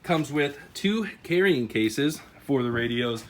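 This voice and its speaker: Taking it slowly, an American man with a mid-range, animated voice chats to camera as a YouTube host, reviewing a product and discussing a giveaway in a casual, conversational tone. Ambient noise is clearly present in the recording.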